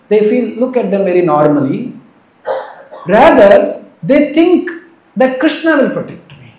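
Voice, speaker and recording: A man giving an earnest devotional sermon, moving between soft and emphatic delivery. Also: high-pitched. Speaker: preacher. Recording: roomy echo.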